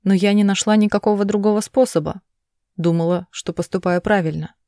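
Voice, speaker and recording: A woman's voice: mid-range voice, fairly even intonation, fairly quick, dark tone, no echo, clean studio sound, natural voice. Woman reading as a tearful pleading mother. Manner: pleading, urgent. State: crying.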